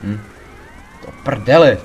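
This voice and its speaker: A man giving casual gameplay commentary, excitable, swearing a lot and panicking loudly when things go wrong. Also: mid-range voice, slight background noise. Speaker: let's play gamer.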